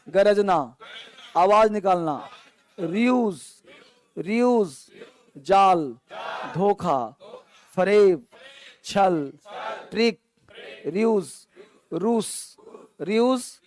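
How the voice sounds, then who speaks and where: Slow, high-voiced male vocabulary teacher. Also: a little mellow. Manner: repeats each word slowly, then gives its meaning; quizzes students, calling on them to stand. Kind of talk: vocabulary drill in class. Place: classroom with an online stream.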